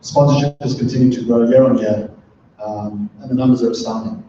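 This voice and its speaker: Middle-aged man, panel guest, halting with ums; dull, echoey recording. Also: mid-range voice, fairly even intonation, dark tone, a little hiss or hum. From southern Africa. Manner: thoughtful, many ums and restarts. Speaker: panel guest, sustainability consultant. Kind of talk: talk at a live event. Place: event room with an audience. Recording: echoey, distant, muffled room recording.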